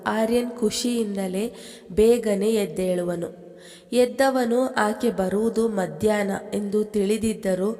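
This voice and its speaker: Slow woman storyteller with long reverb. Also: mid-range voice. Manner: slow, steady reading. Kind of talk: scripted story narration.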